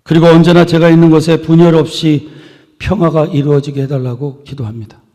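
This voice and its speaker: A male pastor preaching a sermon to his congregation in a church, building phrases up with emphasis and letting them fall soft at the ends. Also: on the high side, little pitch movement, a little fast. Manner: earnest preaching with swelling emphasis and soft trailing endings. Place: church sanctuary. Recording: long reverb of a church hall.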